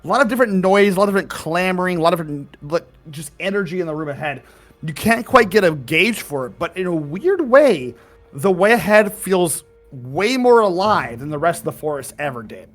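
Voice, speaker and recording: A man running a tabletop game as game master, narrating in a dramatic, hushed way that drops low at the ends of phrases. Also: sing-song, brisk.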